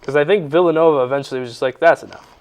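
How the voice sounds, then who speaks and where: A man's voice: a little high, rapid-fire, a little mellow. A young man co-hosting a sports talk show, chatting casually and teasing his partner with sarcastic jokes.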